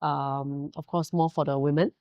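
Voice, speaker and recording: A Singaporean woman in her forties, a hotel director whose first language is Mandarin, tells her career story as a guest in a casual interview, laughing often and using plenty of fillers. She speaks Singaporean English at a moderate pace in a low-pitched voice with fairly even intonation. The recording is dry with the highs cut off.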